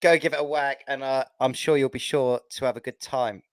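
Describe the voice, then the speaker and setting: A man's voice: mid-range voice, fairly even intonation, fairly quick, smooth, no room sound. A man, co-hosting a casual podcast chat in an upbeat, cheerful way. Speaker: podcast co-host.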